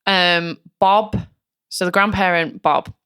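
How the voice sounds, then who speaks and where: A woman talks through a case on a casual true-crime podcast. She has a bright, forceful, fairly low voice. She speaks in loose runs full of "like" and acts out what people said. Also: steady tone, slow pace, clean tone. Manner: chatty, many fillers, acts out quotes. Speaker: podcast co-host telling the case.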